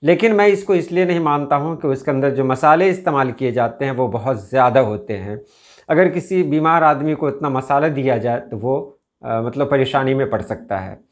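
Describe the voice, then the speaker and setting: A man from India giving an unscripted explanatory talk as a video host, speaking in a measured way with frequent "uh" pauses. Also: mid-range voice.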